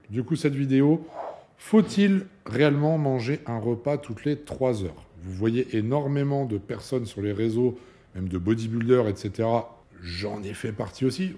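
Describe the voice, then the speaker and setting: A man's voice: mid-range voice, dark tone. A young man, a fitness coach, talking casually to camera, chatty and emphatic, with many fillers and asides.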